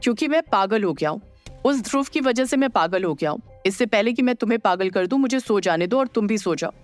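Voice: medium pitch, lively intonation, fast, faint music behind, natural voice. A narrator voicing an irritable, sarcastic young male spirit in an audio drama. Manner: snappish, sarcastic.

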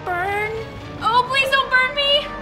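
An actress playing a frightened teenage cheerleader who pleads and squeals in a comedy sketch. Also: female voice, very high-pitched, takes it slowly, reverberant. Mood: terrified. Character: frightened teen cheerleader girl. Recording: loud music behind.

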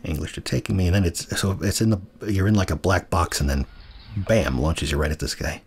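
A man's voice: sits low, brisk, husky. An American man in his thirties, hosting a casual let's-play, rambling, correcting himself and chuckling as he plays. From United States. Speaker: gaming channel host.

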